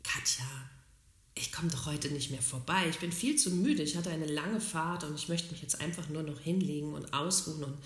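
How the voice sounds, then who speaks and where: A woman's voice: low-pitched, brisk, hardly any pauses, roomy sound, close to an everyday voice. A woman quoting her offhand, self-centered boyfriend in a casual, dismissive tone.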